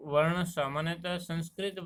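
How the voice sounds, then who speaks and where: A man teaching a Hindi grammar lesson, explaining pronunciation slowly and deliberately and drawing out each example word. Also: on the high side, fairly even intonation, fairly bright tone, smooth. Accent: Rajasthani Hindi. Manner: slow, deliberate explanation, stretching out example words. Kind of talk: classroom lesson.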